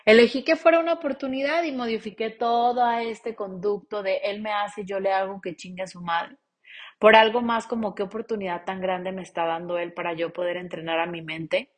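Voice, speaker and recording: A woman with a Mexican accent, in her thirties, giving a casual motivational talk, blunt and profane, swinging between loud urging and hushed pleading. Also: medium pitch, steady tone, brisk. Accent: Mexican Spanish. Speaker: self-help coach.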